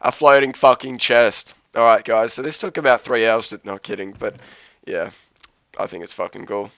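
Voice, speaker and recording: A man's voice: lowish voice, moderate pace, creaky, a bit bright, no room sound. A man with a sick voice giving casual, rambling commentary over his gameplay, swearing and poking fun at himself. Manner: rambling, profane, self-mocking. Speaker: Let's Play host.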